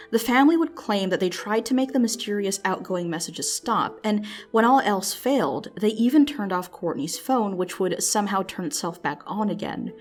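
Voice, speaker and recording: Close to the microphone, the female host of a true-mystery video reads her script with measured pacing and dramatic emphasis, like a storyteller. She has a mid-range voice.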